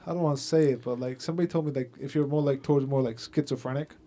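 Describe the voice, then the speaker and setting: A man's voice: medium pitch, fairly even intonation, rapid-fire, mellow, slight background noise. A man co-hosting a casual podcast chat, talking hesitantly with fillers and trailing off. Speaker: podcast co-host.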